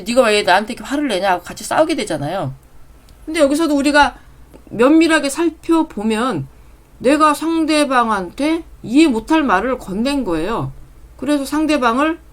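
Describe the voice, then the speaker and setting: Calm woman teaching in a measured voice. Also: a little high. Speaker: channel host reading her own spiritual essays. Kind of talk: explanatory spiritual talk.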